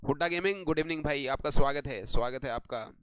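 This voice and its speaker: A man's voice: a little high, fast talker, a bit bright, clear, resonant tone, no echo. A man teaching English vocabulary on a live online class, greeting viewers by name and asking and answering his own questions.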